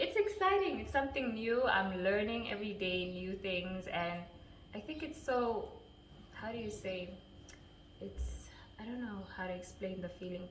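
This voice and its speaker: A woman in her twenties, with a mid-range and slightly bright voice, chats casually as a vlogger in a Q&A, answering viewer questions while giggling and tripping over names. The recording has an echoey room with faint background noise.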